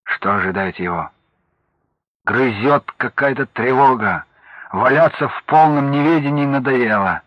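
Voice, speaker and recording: Brief: male audiobook reader, husky and measured, dry close mic. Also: medium pitch, lively intonation, dry recording. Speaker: audiobook narrator. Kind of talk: scripted narration. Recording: dull lo-fi audiobook recording.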